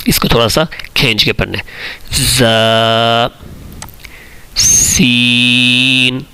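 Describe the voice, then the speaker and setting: A man's voice: on the low side, expressive, gravelly, pushed and bright, slight background noise. Patient man teaching the alphabet. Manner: slow, patient, drawn-out letter recitation; explains in Urdu mixed with English words. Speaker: Quran teacher. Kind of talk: online alphabet lesson.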